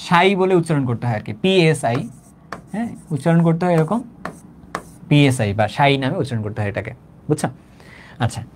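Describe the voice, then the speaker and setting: A man gives a quick, loose chemistry lecture. He repeats his points and keeps checking in with his students as he goes. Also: high-pitched. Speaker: chemistry teacher. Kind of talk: online lecture.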